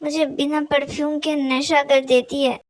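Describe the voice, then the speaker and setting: A woman's voice: high-pitched, flat delivery, a little slow, low-quality recording. A woman voicing a playful, clingy young woman who teases and wheedles her roommate. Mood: teasing. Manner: teasing, wheedling.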